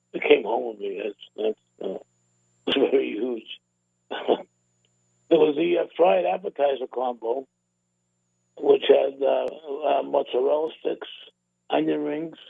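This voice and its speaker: Gravelly-voiced radio host from Boston. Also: male voice, on the high side, no echo. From Boston area. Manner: rambling, repeats words and restarts. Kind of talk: casual radio talk. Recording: narrow phone-like radio sound, dry.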